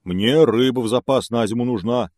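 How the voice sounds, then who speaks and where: A man voicing a big clumsy greedy bear from a fairy tale, gruff and bossy. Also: medium pitch, normal speed, darkish tone, dry recording, studio quality, voice pushed up, lightly acted. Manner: bossy, blustering.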